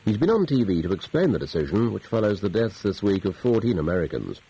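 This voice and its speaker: A man's voice: on the low side, very animated, mellow, slightly rough. A man reading a formal morning news bulletin, heard as a dull, tinny broadcast from a clock radio. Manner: measured, formal news delivery. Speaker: radio newsreader.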